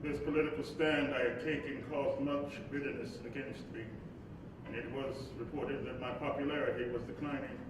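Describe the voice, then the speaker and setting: Here a man performs the role of a worn-down civil rights leader and husband facing opposition, in a live play reading of monologue and dialogue. His tone is steady, his pace moderate, and his acting light, with an oratorical, emphatic style that turns to stammering when he is troubled, his mood reflective. An echoey hall, distant microphone and low rumbling noise shape the sound.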